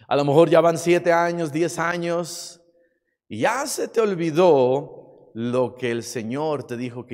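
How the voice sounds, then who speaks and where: Man, sermon, high pitch, impassioned, hesitant. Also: a little mellow. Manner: impassioned, many hesitations and fillers. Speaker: pastor. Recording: long hall reverb.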